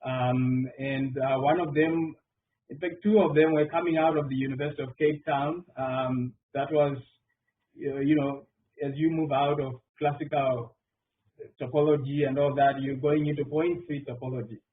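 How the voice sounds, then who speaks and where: A man from Zimbabwe, middle-aged and a mathematician, responds during a round table panel with many fillers and restarts. His pitch is medium, his tone steady and his pace moderate. Faint noise runs through the phone-like online call audio, and he is far from the mic.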